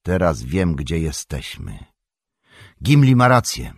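Male reader as old wizard leader, solemn and urgent, low husky voice. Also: wildly swooping pitch, takes it slowly, no echo, studio quality, heavily acted. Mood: grave. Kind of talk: audiobook character reading.

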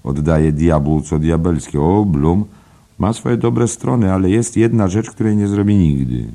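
A man's voice: deep voice, lively intonation, a little slow, warm tone, voice pushed up, full character voice. A man voicing a gossipy older male barfly who swears by God, in an audiobook. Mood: gossiping. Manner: knowing, confidential, emphatic oaths. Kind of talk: audiobook character voice.

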